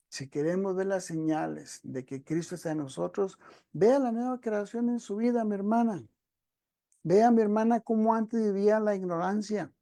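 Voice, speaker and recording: A man preaching a teaching sermon into a computer microphone while sharing his screen. His voice is gravelly and mellow. He explains the text patiently and keeps turning to his listeners as brothers and sisters. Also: on the high side.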